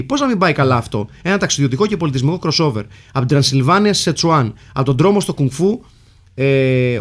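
A man's voice: on the high side, fairly bright tone. Jokey Greek man reading listener mail. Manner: jokey, reads lists of names and titles. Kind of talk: casual comedic film chat.

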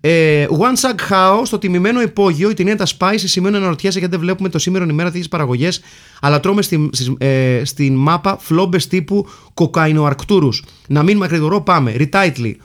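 A man with a slightly raised voice hosts a casual, joking film talk. He reads out listener mail and cast lists in a playful, bantering way. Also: high-pitched. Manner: jokey, reads lists of names and titles. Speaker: podcast host reading listener mail. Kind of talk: casual comedic film chat.

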